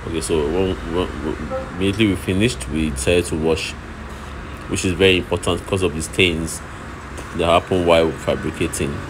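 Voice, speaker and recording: Man, low voice, phone walkthrough of a workshop, explains things twice, noisy background. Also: brisk. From Nigeria. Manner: explaining step by step, repeats himself. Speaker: oven fabricator showing his work. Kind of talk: walkthrough narration while filming. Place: workshop and outdoor street site. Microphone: phone held while filming. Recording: phone video with loud background noise.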